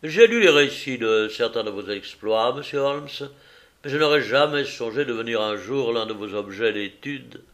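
A man voicing a touchy middle-aged foreign visitor who speaks loudly and insistently in an audiobook reading. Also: medium pitch, lively intonation, moderate pace, natural voice. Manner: loud, insistent, slightly suspicious.

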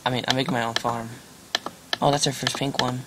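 This gaming host has a mid-range voice, keeps a level tone, and talks a little fast. He's a young man rambling casually over gameplay, joking about himself and filling gaps often, while keyboard clicks and typing fill a noisy home recording.

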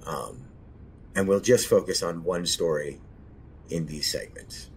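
A man hosting his own show, speaking softly and hesitantly with many pauses and fillers. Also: low voice, slight background noise. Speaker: podcast host. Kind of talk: casual spoken introduction.

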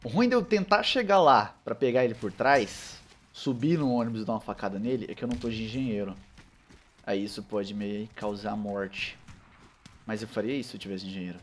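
A young man with a Brazilian Portuguese accent giving casual, slangy commentary over his own gameplay, with excitable loud outbursts. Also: fairly low pitch, fairly quick, slight background noise. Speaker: gaming channel host.

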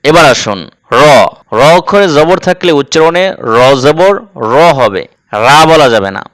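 A man teaching Quran recitation, explaining heavy letter sounds slowly and deliberately and repeating each sound to demonstrate it. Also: fairly high pitch, expressive, fairly bright tone, clean tone, dry recording. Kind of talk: instructional explanation.

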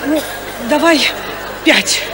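An actress on a comedy stage playing a bossy wife who shouts instructions at her husband. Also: high voice, extremely slow, crowd noise, noisy background. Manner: loud, bossy.

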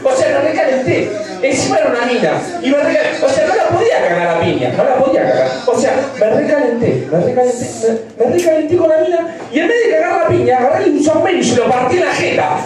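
A young man with an Argentine Rioplatense accent rants crudely through a live stand-up set, breaking into shouted bursts. His voice sits very high and swings widely in pitch. He is recorded far from the mic in a boomy, echoing bar, with a noisy crowd behind him. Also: sing-song, quick pace. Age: 20s. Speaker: stand-up comedian. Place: piano bar stage with live audience. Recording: echoey bar room, mic far off, audience noise.

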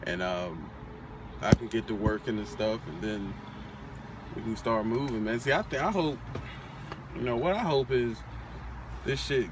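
A young man vlogging from a parked car in a relaxed, bragging tone, full of slang and cursing. He is picked up by a phone camera on the dashboard. Clear outdoor traffic noise runs underneath his voice. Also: fairly low pitch, a little slow, pauses often. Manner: boastful, laid-back, slangy and profane. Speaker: vlogger, aspiring trucker. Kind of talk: casual chat.

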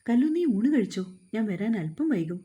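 Narrator voicing domineering young husband, storybook reading, very mellow dark tone. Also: female voice, mid-range voice, very animated, normal speed, lightly acted. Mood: caring. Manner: commanding, slurring tease. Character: young husband, teasing then drunk and domineering.

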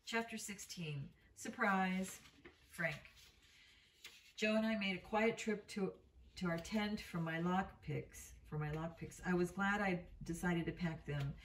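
The recording, roomy and taken from a distance with slight background noise, captures a woman reading a novel aloud. Her voice sits low and her pace is measured, and she makes slips she then corrects.

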